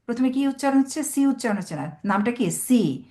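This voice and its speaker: A woman's voice: on the high side, lively intonation, mellow. Woman teaching parents in a webinar. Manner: patient, explains step by step, sounds out words slowly.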